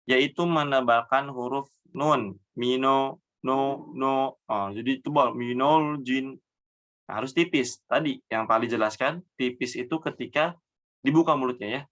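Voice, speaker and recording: Patient male tajwid teacher, explains then recites slowly; mid voice, muffled lo-fi recording. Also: mid-range voice. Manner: trails off softly after each example. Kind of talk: tajwid lesson with slow demonstration recitation.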